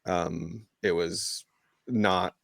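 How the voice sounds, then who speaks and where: Co-hosting a sports podcast, a man chats casually about soccer, hedging his points and leaning heavily on "like." His low voice is gravelly and a bit bright, fairly even in intonation and extremely slow, in a studio-quality recording with no room sound.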